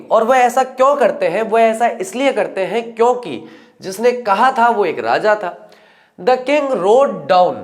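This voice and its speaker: A man teaching a lesson, reading English lines slowly and explaining them in casual Hindi with playful acted asides. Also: high voice.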